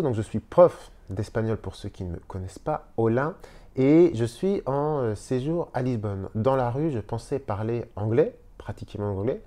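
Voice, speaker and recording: In a relaxed video lesson filmed in a hotel room, a male Spanish teacher explains things slowly and repeats his words. His voice sits in the mid range and sounds mellow.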